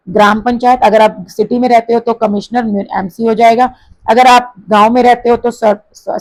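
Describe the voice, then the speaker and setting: A woman teacher with an Indian accent explaining a textbook exercise, mixing Hindi with English and reading example sentences slowly with stress. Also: fairly high pitch, a little mellow, no echo, low-quality recording.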